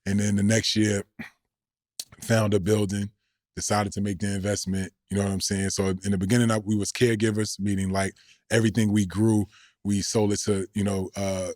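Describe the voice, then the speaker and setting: A man's voice: fairly low pitch, level tone, brisk, a little mellow, dry recording, clean studio sound. A middle-aged man, a former pro basketball player, telling slangy, rambling stories as a podcast guest. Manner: laid-back, slangy, rambling. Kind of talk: casual storytelling.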